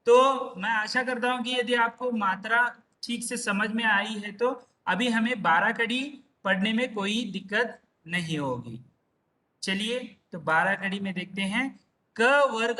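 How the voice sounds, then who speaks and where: Male teacher, online class: slow, bright-toned, patient repeater, sits back from the mic. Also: high-pitched. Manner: patient, repetitive, drawn-out syllables. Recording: voice far from the mic.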